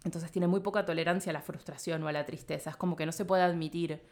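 A woman's voice: low voice, fairly even intonation, fast talker, darkish tone. A woman with an Argentine accent, a guest in an interview, talking casually and reflectively. She rambles and thinks aloud, leaning on filler phrases, and laughs now and then. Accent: Argentine Spanish.

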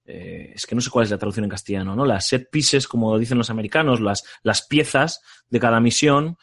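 A man's voice: medium pitch, a little fast, a bit bright. A man with a Castilian Spanish accent giving a casual game review on a podcast, conversational and full of tag questions.

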